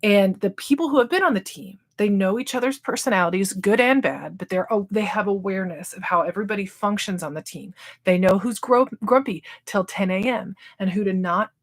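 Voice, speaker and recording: A woman's voice: medium pitch, a little fast, few pauses. A woman in her thirties, a nurse educator, giving casual advice in a chatty way, full of fillers and acting out people's inner thoughts. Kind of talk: casual advice talk to camera.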